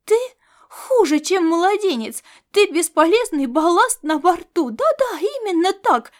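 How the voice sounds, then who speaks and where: A woman reading an audiobook and voicing a female alien star cat crewmate who scolds and shouts. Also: extremely high pitch, expressive, takes it slowly, voice pushed up, full character voice. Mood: scolding. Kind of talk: audiobook character voice.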